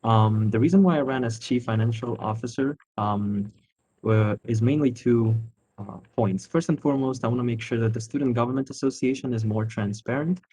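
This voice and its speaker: A man's voice: medium pitch, normal speed, dark tone, a little hiss or hum, low-quality recording. A young man from Armenia, raised in Italy, giving an earnest student campaign speech with many fillers. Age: young adult. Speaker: student candidate.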